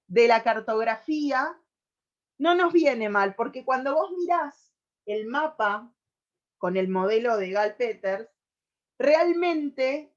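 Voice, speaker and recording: An Argentine woman presenting on a radio program, explaining at length and pausing often on fillers as she gathers her thoughts. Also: a little high, lo-fi sound. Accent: Argentine Spanish. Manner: thoughtful, with many hesitations and restarts.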